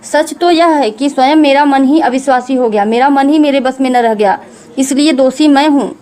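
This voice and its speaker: A woman teacher explaining Hindi verse to students, reading each line slowly and then explaining it in plain words. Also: sits high, darkish tone.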